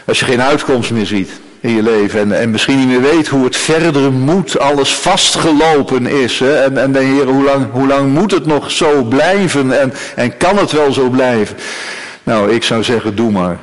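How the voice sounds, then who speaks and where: A man's voice: mid-range voice, moderate pace. A man preaching a sermon to his congregation, emphatic, often repeating phrases and adding a tag word. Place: church. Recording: long church reverb.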